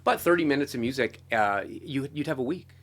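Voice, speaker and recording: A middle-aged American film and television composer, appearing as an interview guest, tells stories in a casual, enthusiastic, rambling way, often saying "like" and "you know." His mid-range voice is expressive and fairly bright, and he talks a little fast.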